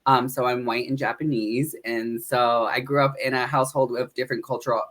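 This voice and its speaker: A man's voice: mid-range voice, flat delivery, brisk, a bit bright. Upbeat man telling his story. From northeastern Pennsylvania. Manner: earnest and upbeat, with frequent fillers and laughs. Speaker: podcast guest, drag performer and educator. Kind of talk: casual interview conversation.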